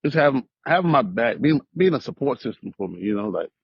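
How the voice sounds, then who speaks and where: A man's voice: mid-range voice, sing-song, fast, gravelly, husky, no room sound, highs cut off. A man on a relationship panel speaking bluntly and emphatically. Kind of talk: casual panel discussion.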